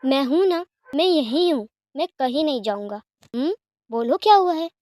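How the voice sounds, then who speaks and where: A woman voicing a young man who gently soothes and comforts his beloved in an audio story. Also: sits high, animated, normal speed, no echo, clean studio sound. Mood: tender. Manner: soft, soothing, affectionate.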